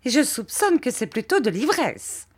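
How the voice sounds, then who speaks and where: A woman voicing a stiff, haughty spinster who speaks in shrill, indignant exclamations. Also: sing-song, normal speed, slightly rough, exaggerated voice.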